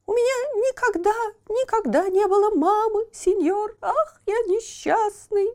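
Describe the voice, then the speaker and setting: A woman voicing a whiny, pitiful wooden puppet boy who wails his pleas in a high, shrill voice. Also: a little slow, a little mellow. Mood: wailing. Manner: wailing, sobbing pleas.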